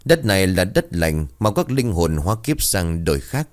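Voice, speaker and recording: A man voicing a calm middle-aged male ritual master who speaks prayers in a solemn, measured way. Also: sits low.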